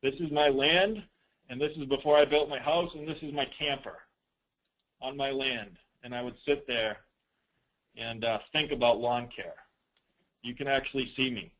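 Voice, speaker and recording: In a medium-pitched voice at a moderate pace, a man walks through a software demo for a business training call in an informal, wandering style. Teasing, self-mocking asides pepper his talk, captured on a rough recording.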